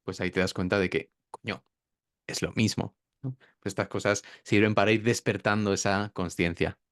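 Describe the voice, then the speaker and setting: Guy teaching pronunciation, lowish voice, smooth and clear, dry close sound. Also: fairly even intonation, normal speed, dry recording. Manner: demonstrates sounds by drawing out words. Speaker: pronunciation teacher, interview guest. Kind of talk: explanatory interview talk.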